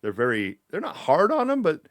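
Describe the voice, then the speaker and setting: A man's voice: on the high side, wildly swooping pitch, fairly quick, a bit bright, dry recording, studio quality. A man from Central California hosting a podcast, telling rambling stories in casual chat full of swearing. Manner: rambling storytelling, swears a lot. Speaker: podcast host.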